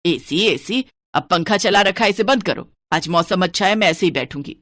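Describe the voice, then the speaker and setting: Cartoon story: stingy bossy mother-in-law, voiced by a woman, low and stern. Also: animated, normal speed, fairly bright tone, no echo. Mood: alarmed scolding. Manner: scolding, penny-pinching nagging.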